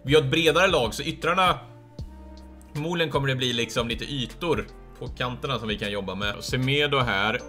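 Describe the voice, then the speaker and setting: A young man giving live commentary on his own football video game match, chatty and quick to shout and cheer when goals go in. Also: medium pitch, soft background music. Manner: excitable, bursts into loud cheers at goals. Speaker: gaming streamer.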